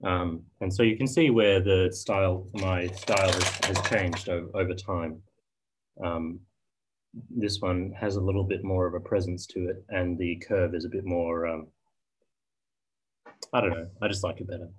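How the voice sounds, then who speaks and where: A man explains his carving on a video call, speaking softly and hesitantly, often pausing and restarting his sentences. His voice sits fairly low and has a husky, breathy edge. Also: steady tone, rough recording. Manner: soft-spoken, hesitant with many ums and restarts. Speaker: spoon carver giving a demo. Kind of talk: casual video-call discussion.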